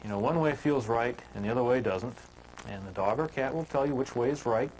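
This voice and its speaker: A man teaching woodcarving in a relaxed, homespun storytelling manner, chatting with filler words as he works. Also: medium pitch, brisk, a little hiss or hum, rough recording. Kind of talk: folksy storytelling while demonstrating carving.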